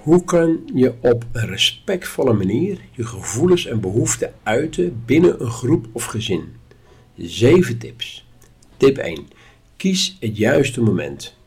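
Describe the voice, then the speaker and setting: A man talks through a lesson in a calm, instructive way. His voice is husky and a little breathy, and his pitch sits in an ordinary middle range. He keeps a measured, steady delivery. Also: faint music behind. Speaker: course teacher. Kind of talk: spoken lesson.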